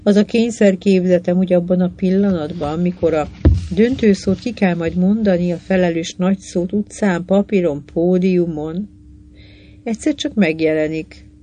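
A narrator reading a literary short story aloud in a measured, unhurried way. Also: medium pitch, dark tone, lo-fi sound, slight background noise.

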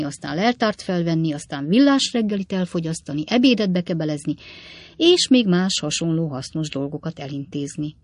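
A woman reading a novel aloud in steady, measured scripted narration. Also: low-pitched, no room sound. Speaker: audiobook narrator.

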